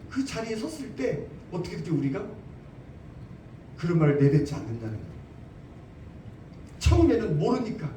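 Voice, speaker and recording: Preaching a sermon in a church sanctuary, a male pastor speaks in a high-pitched voice with a dark tone. He's emphatic, repeating phrases and posing rhetorical questions, and the distant, roomy church recording carries slight background noise.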